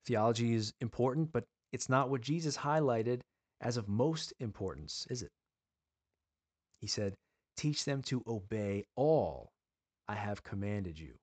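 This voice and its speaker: With a mid-range voice and no room sound, a man delivers an earnest, sermon-like teaching. He pleads with his listeners through rhetorical questions and slows on the words he wants to stress.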